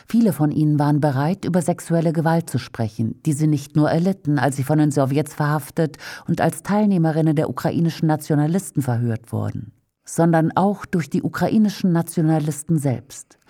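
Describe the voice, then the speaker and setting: A woman with a low, dark, mellow voice reads a translated interview as a voice-over. She delivers both sides in an even, measured way and announces each speaker's name before they talk.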